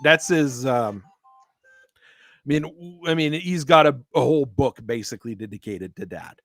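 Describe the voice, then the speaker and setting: A man's voice: medium pitch, lively intonation, a bit bright, no echo, studio quality, soft background music. Rambling man hosting a casual chat. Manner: rambling, halting, laughs often. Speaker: host.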